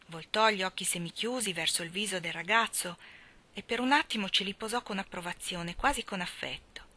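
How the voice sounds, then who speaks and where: A woman reading a literary story aloud in a calm, measured, expressive way. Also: mid-range voice. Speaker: reader.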